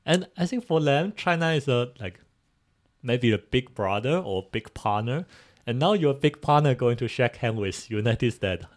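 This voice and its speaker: A man's voice: medium pitch, animated. A man chats casually on a podcast, searching for words in English. His voice sits in an ordinary middle range. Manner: halting non-native English, laughs often. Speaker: podcast co-host. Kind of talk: casual discussion.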